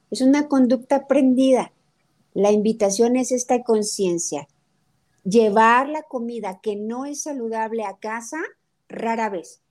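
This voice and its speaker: A middle-aged woman with a Mexican accent, talking as a guest about family nutrition, telling stories and acting out her daughter's lines. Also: fairly high pitch. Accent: Mexican Spanish. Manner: animated storytelling, acts out quotes of her daughter. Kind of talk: conversational talk interview.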